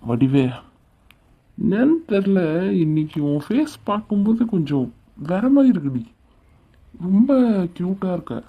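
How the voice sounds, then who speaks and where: A woman's voice: fairly low pitch, breathy edge, muffled recording, exaggerated voice. A woman voicing a teasing, lovestruck young man in a cartoon, coaxing and playfully bossy. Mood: tender. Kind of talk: cartoon voice acting.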